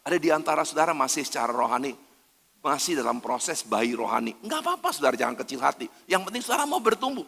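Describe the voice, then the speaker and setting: A man's voice: a little high, very animated, quick pace, gravelly, pushed and bright, breathy edge. A male pastor, preaching emphatically and constantly calling on his listeners as brothers and sisters. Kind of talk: sermon. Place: church hall. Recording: long church hall reverb.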